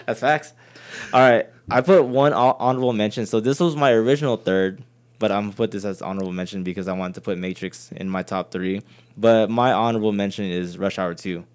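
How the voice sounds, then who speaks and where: Laid-back low-voiced guy chatting. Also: steady tone, brisk, a little mellow. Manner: laid-back slangy talk, quotes movie lines in playful voices. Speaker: podcast co-host. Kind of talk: casual chat.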